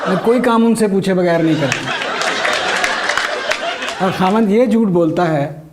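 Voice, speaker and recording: This noisy recording catches a man over a noisy crowd, performing stand-up comedy at a slightly slow pace. His high-pitched voice has lively intonation as he delivers his jokes dryly to a laughing audience.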